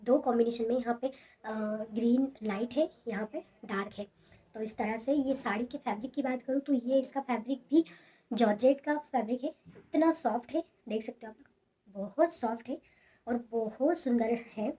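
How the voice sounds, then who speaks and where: A young woman talking softly and casually at home, showing sarees in a haul video with many fillers. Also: on the high side, moderate pace, a little hiss or hum. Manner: soft, hushed talk with many fillers. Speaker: fashion vlogger showing sarees. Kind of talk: casual product haul chat.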